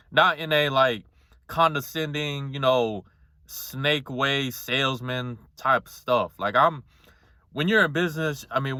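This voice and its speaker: A man in his twenties with a somewhat monotone voice, talking casually and bluntly to the camera in a rambling, confessional way with some swearing. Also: medium pitch, no echo, studio quality. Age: 20s. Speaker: vlogger.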